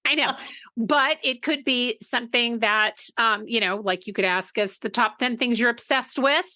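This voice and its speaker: A woman's voice: a little high, moderate pace, sharp tone, dry recording, studio quality. A woman co-hosting a podcast in a chatty, casual way, often restarting her sentences and laughing easily. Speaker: podcast co-host.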